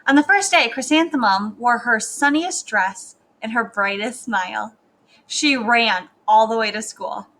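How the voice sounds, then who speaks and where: Bright-voiced woman reading to children. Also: fairly high pitch. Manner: slow, gentle questions to young listeners. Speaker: teacher reading aloud. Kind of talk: read-aloud lesson for children.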